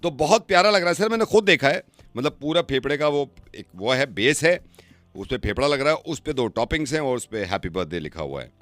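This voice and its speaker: A man's voice: mid-range voice, very animated, fairly quick, a bit bright, no echo. A man playing a radio prank call, chatting along innocently while provoking the person on the line. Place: radio studio.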